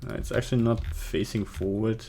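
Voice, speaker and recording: A young Belgian man with a Belgian accent runs a casual live 3D tutorial from his home desk, chatting with viewers as he rambles, thinks aloud and mutters to himself while working. His voice is fairly low, warm and fairly even in intonation, his pace is brisk, and faint keyboard typing and clicks sit under slight background noise.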